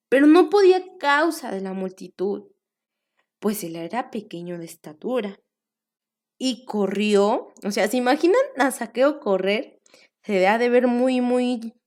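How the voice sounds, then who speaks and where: Woman, young, children's Bible teacher; unhurried, higher voice, storytelling tone with questions to the kids. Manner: animated, drawn-out repetitions, asks the children questions.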